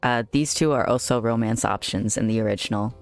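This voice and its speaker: A young adult streamer with a mid-to-low, androgynous voice around 130 hertz. The delivery is chatty and giggly, moving between reading game text and casual reactions, with faint music behind. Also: brisk. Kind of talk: casual game livestream commentary and reading aloud.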